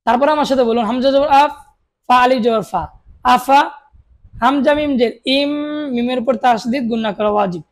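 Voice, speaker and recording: A woman teaching Quran reading, spelling out Arabic syllables one by one and asking listeners to repeat after her, with short explanations of the rules. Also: on the high side. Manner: slow, drawn-out recitation of each syllable, with short explanations of rules.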